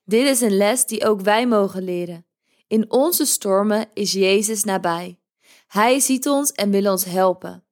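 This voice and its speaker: A woman hosting a podcast, reading a devotional in a gentle, measured way. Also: medium pitch. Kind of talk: calm scripted devotional reading.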